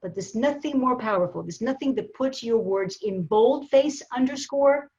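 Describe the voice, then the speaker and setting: Lively woman coaching over a video call. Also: a little high, normal speed. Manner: lively, emphatic, with repeated restarts. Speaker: communication coach. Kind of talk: presenting a virtual workshop. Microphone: laptop mic on a video call. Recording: slightly dull video-call audio.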